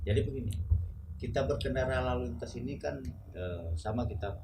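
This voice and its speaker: A man with an Indonesian accent explains traffic rules as a police officer, in a medium voice that ends points with tag questions. The podcast recording carries clear background noise. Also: mid-range voice, brisk.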